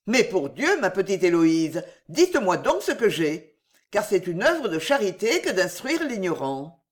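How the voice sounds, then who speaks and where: A woman reading a teasing soldier, wry and lively. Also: medium pitch, a little slow. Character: wry male officer, teasing and prosaic. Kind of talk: audiobook reading.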